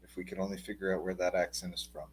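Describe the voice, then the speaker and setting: A man's voice: sits low, flat delivery, very fast, slightly rough. A man with a New Jersey accent co-hosting a casual livestream, joking dryly and reading out viewer comments. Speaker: co-host.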